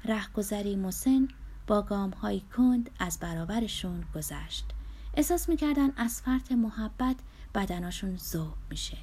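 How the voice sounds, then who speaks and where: A woman narrating a story in a soft, unhurried audiobook reading. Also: medium pitch.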